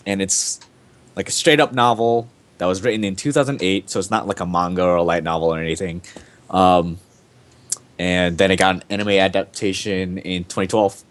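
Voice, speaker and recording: A young man hosting a casual podcast, talking in a rambling, enthusiastic way full of fillers. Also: sits low. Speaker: podcast host.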